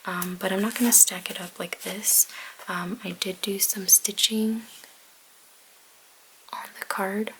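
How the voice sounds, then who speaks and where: Woman, whispering, slow pace, hesitant with ums, craft tutorial, background hiss. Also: mid-range voice, fairly even intonation, low-quality recording. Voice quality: whispering softly. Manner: slow, hesitant with many ums, thinking aloud. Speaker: card-making crafter. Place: home crafting desk, baby asleep nearby.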